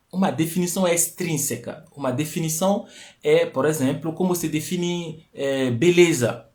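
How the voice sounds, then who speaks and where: Hosting a live stream talk, this man teaches by explaining, going back over key phrases and pushing up to emphatic peaks. He speaks through a stream mic in a slightly high voice, and his first language is something other than Portuguese.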